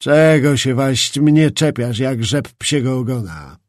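A man reading an audiobook, voicing a calm young male officer who speaks coldly and mockingly. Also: mid-range voice, slow, no echo, clean studio sound, lightly acted. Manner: cold, calm.

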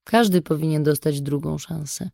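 A gentle, forgiving woman speaking quietly in an audiobook, as a reader plays her. Her tone is mellow with some gravel in it. The sound is dry. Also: sits low, normal speed, dry recording. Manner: quiet, soft. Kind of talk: audiobook reading.

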